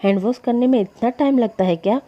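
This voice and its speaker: A woman's voice: on the high side, brisk, natural voice. A woman voicing a whiny, easily hurt young man in a storybook reading, complaining in a pleading way. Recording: dull lo-fi recording.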